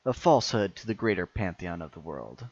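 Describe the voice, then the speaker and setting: A smug, devout high priest of evil , acted out by a male game master delivers a grand villain monologue at the gaming table. His formal, commanding voice sits fairly low. The recording is slightly dull. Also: very animated, brisk, slightly rough, heavily acted. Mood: proud, grandiose. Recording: muffled, echoey room.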